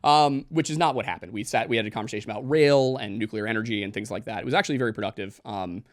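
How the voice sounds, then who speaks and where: Animated joking man in his twenties. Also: on the low side, no room sound, studio quality. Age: 20s. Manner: animated, joking, quick asides with laughs. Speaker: podcast co-host. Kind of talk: casual podcast chat.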